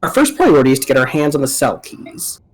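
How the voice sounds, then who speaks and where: A man's voice: medium pitch, sing-song, fast. A man voicing an earnest young mercenary commander, cautious but decisive, in a game read-aloud.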